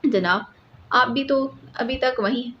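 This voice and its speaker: Cheeky witty manservant, read by a woman, audiobook, deadpan quips, muffled sound. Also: sits high, close to an everyday voice. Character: cheeky witty male household servant. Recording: slightly muffled with faint hiss.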